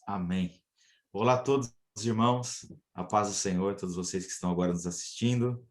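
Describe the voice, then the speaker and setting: A male missionary telling his church about his calling in an earnest, measured way. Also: on the low side. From São Paulo state, Brazil. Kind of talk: church testimony.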